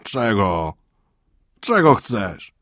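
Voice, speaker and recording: A man's voice: lowish voice, sing-song, very slow, a bit bright, no echo, studio quality, heavily acted. A man reading an audiobook, voicing a sleepy husband who grumbles and snaps dismissively. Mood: drowsy grumbling. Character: sleepy grumpy middle-aged husband, a prosecutor's aide. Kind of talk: audiobook character voice.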